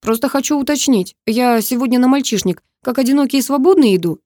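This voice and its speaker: A woman's voice: high-pitched, fast talker, warm tone, dry recording, clean studio sound, voice pushed up, close to an everyday voice. A woman voicing a cocky young man who teases in a smug, playful way. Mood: teasing. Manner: teasing, smug.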